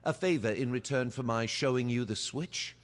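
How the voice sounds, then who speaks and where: An actor playing a suave, haughty male vampire in a video game, speaking in a measured, formal and disdainful way. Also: medium pitch, big-room sound, lightly acted. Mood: persuasive.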